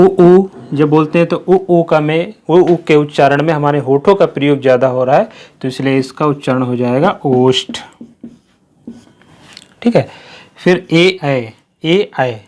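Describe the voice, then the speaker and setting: A male Hindi grammar teacher with a somewhat high-pitched voice. He walks through the lesson slowly, drills each point by repeating it, and poses questions that he answers himself. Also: a little mellow. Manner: slow, repetitive explaining with questions to the class. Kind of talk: classroom-style lesson.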